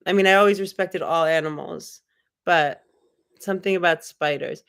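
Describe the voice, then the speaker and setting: Chatting casually on her livestream, this young host reads comments from viewers and muses loosely on spiritual things, leaning heavily on fillers. She speaks smoothly at a moderate pace in a lower register.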